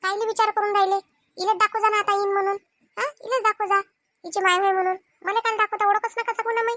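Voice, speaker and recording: Woman doing a shrill scolding village wife. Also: little pitch movement, fast, bright, forceful tone, no echo, clean studio sound. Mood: bitter sarcastic. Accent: Vidarbha Marathi. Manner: scolding, sarcastic. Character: sharp-tongued quarrelsome village wife. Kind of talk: cartoon family comedy.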